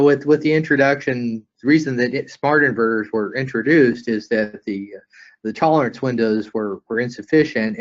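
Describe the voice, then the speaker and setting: A man's voice: mid-range voice, dull audio. A man moderating a webinar panel, reading audience questions and restarting his sentences often. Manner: halting, repeats words often.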